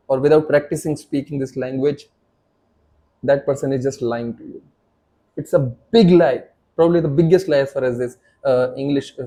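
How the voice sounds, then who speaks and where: Facing the camera, a Hindi-speaking man in his thirties with an Indian accent teaches spoken English emphatically, driving his point home by restarting and repeating phrases. His voice sits on the high side with a dark tone.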